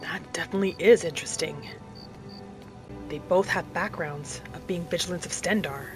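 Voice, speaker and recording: Over music, a woman who hosts a roleplay game playthrough talks in character, musing aloud and asking questions as she plays. Her voice is on the low side, at a moderate pace.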